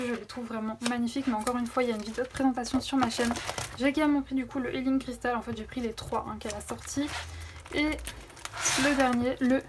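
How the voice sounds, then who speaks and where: Filmed on a phone camera, a young woman with a fairly high voice gushes through a coloring book haul, filling her casual vlog with lots of fillers. Background noise can be heard.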